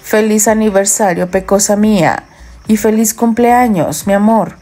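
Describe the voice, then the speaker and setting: Woman as teasing young husband, affectionate, mellow dark tone, audiobook romance. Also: mid-range voice, unhurried, soft background music, lightly acted. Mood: playful.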